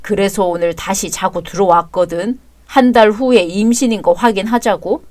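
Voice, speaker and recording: A woman's voice: mid-range voice, normal speed, a little mellow, no room sound, close to an everyday voice. A woman voicing a crude, drunken, boastful husband in a dramatized story reading, with a drawling, taunting delivery. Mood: defiant.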